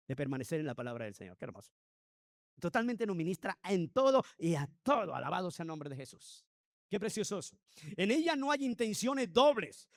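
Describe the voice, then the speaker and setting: A man preaching a Sunday school sermon in a high voice. He presses the congregation with rhetorical questions and emphatic declarations. The recording is dry, with little room sound. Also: dry recording. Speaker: pastor.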